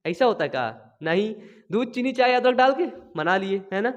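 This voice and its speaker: A young man teaches biology with lots of energy, throwing out questions and answering them himself. His voice sits very high for a man. He motivates his students and drops in playful everyday examples. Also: moderate pace, dull audio. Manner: lively, keeps asking and answering his own questions. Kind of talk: energetic classroom lecture.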